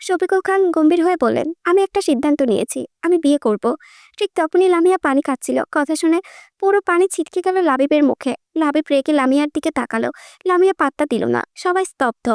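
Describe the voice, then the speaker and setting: Woman audiobook narrator, very high voice, lively storytelling, dry close-mic read. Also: fast, dry recording. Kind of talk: scripted narration.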